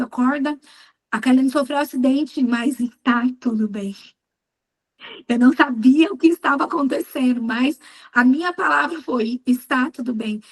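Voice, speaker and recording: High-voiced woman giving a fervent testimony. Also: low-quality recording. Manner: fervent, emphatic storytelling with quoted prayers. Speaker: speaker at a women's church meeting. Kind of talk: testimony sermon.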